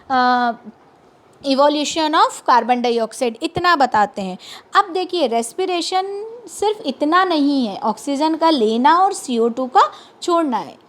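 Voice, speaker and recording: A woman science teacher giving a lecture, asking questions and answering them herself, and slowing down for terms spoken. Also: high voice. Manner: asks questions then answers them, slows for English terms. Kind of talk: classroom lecture.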